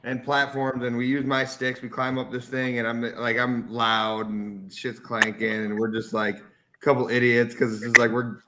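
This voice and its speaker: Bright-voiced man telling a rambling story. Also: mid-range voice, flat delivery, moderate pace, slight background noise. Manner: rambling, self-mocking, laughs often. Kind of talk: casual chat, storytelling.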